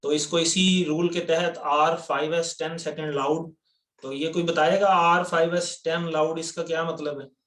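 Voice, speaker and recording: A man's voice: a little high, steady tone, a bit bright, roomy sound. A man with a Pakistani accent teaching an online class, patient and explaining step by step while quizzing students over a computer mic. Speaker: Quran word-by-word teacher. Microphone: computer mic on a video call.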